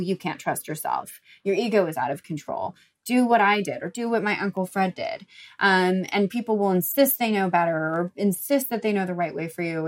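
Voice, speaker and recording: A young adult woman hosting a recovery talk, speaking casually with lots of "like" fillers and blunt swearing. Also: medium pitch. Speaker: recovery podcast host. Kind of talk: casual monologue advice.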